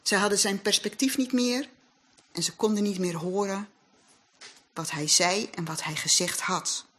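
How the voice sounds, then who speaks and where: A woman's voice: mid-range voice, measured pace, fairly bright tone. A woman giving an earnest, reflective sermon in a church hall, weaving scripture with her own experience. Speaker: lay speaker at a congregation. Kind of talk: sermon with personal testimony.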